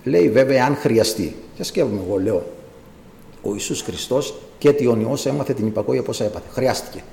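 A man delivering an impassioned sermon as a visiting preacher, his pitch swinging widely as he rises to emphatic cries. His voice is gravelly and mellow. It rings through an echoey church hall. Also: expressive, a little hiss or hum.

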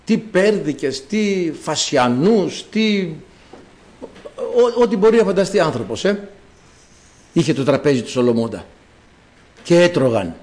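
A man's voice: fairly high pitch, sing-song, pauses often, darkish tone. A man preaching a sermon, explaining words to the congregation and calling out quoted lines in a raised voice.

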